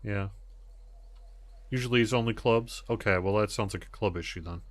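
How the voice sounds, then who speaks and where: A man's voice: lowish voice, moderate pace, no room sound. A man hosting a gaming livestream, chatting casually and thinking aloud in an easygoing way as he answers viewers. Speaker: livestream host playing a game.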